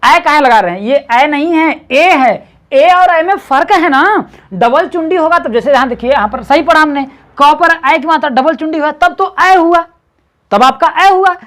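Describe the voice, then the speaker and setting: Woman tutor, slightly high, very animated intonation, patient, drills syllables slowly. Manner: patient, repeats syllables slowly, coaxing and encouraging. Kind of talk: one-on-one reading lesson.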